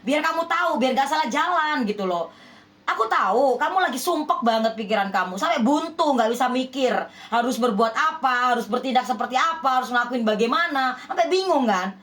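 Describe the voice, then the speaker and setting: High-voiced woman giving an emphatic reading. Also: lively intonation, brisk, a bit bright. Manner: emphatic, repeats rhetorical questions like "ya kan?"; scolding, persuasive. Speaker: spiritual healer giving love readings. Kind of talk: direct address to viewers, relationship reading.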